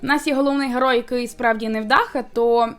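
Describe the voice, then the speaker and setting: A woman in casual chat, reviewing a manga and explaining her points with a steady flow of fillers. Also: fairly high pitch, quick pace, soft background music. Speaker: booktuber co-host reviewing manga.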